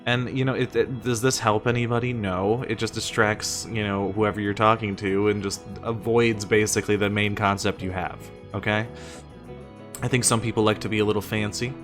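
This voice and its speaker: Fairly low and fairly bright, this American man's voice has a flat delivery at normal speed. As a streamer and teacher, he gives a casual explainer on presentation tips with music behind him, often answering the exasperated rhetorical questions he poses.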